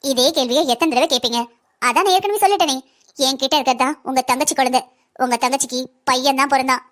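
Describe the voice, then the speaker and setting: A woman's voice: high voice, fast talker, fairly bright tone. A woman voicing a scheming young cartoon villainess who swapped a baby, sly and mocking. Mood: taunting. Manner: sly, taunting, mocking politeness. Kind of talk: cartoon voice acting.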